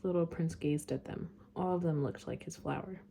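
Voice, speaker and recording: A woman reading a storybook aloud chapter by chapter, at an unhurried pace. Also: lowish voice, steady tone, creaky, dark tone, breathy edge.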